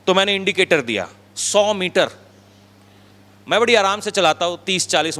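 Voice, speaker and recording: A man preaching a sermon as a pastor, talking conversationally and dropping his voice low to stress a point. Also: bright, forceful tone, big-room sound. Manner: conversational preaching, acts out quotes, drops low for emphasis. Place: church hall.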